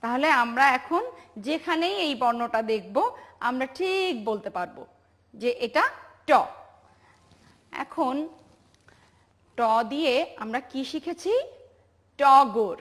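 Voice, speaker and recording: A woman with a high voice leads a preschool lesson for television at an unhurried pace. She talks in a patient, sing-song way, asking simple questions and praising the children. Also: expressive, a bit bright. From Bangladesh. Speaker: preschool teacher.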